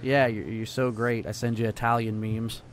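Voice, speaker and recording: A man co-hosting a casual podcast, joking and telling animated stories. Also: on the low side, moderate pace. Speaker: podcast co-host. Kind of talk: casual chat.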